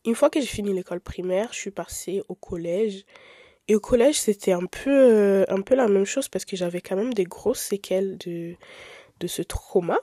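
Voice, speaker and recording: A young woman who grew up in Italy, hosting a podcast in a candid, expressive, chatty way with frequent filler words. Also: medium pitch, moderate pace, no echo, clean studio sound. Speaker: podcast host. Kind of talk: casual podcast monologue.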